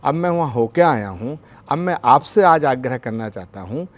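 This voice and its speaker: A man's voice: medium pitch, lively intonation, normal speed. Formal devout man on a debate panel. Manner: formal, devotional, emphatic. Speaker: spiritual leader, debate guest. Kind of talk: televised debate.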